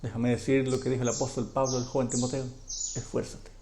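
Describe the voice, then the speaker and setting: A man preaching a sermon, asking his listeners rhetorical questions and dropping to a hush when he quotes scripture. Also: medium pitch, flat delivery, fast, slight background noise.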